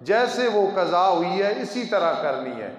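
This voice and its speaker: A man's voice: high-pitched, big pitch swings, unhurried. A man, an Islamic cleric reading out questions and firmly ruling on each, quoting Arabic phrases and hadith sources. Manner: firm, didactic, reads questions aloud then rules on them. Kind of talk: religious question-and-answer session. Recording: echoey, reverberant hall, dull lo-fi sound.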